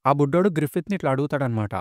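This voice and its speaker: A man's voice: a little high, expressive, racing, dry recording, clean studio sound. A man retelling a manga story in a colloquial, casual storytelling way.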